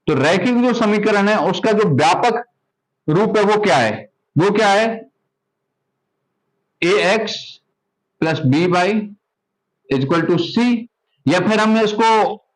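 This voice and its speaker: High-voiced man teaching a maths lesson. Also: low-quality recording. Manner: repeats "ठीक है" often, asks rhetorical questions. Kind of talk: classroom lesson explanation.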